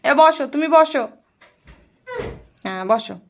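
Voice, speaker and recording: Young Bengali-accented mother narrating a home vlog, high and very animated, coaxing a toddler. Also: unhurried, slight background noise. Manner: coaxing, sing-song talk to a toddler, swinging from lively to hushed asides. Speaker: vlogger filming her young son. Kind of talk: casual family vlog narration and talk to a child.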